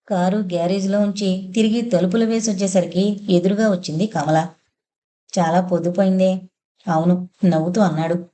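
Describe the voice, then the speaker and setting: A woman narrating a novel in an even storytelling voice. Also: medium pitch. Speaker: audiobook narrator.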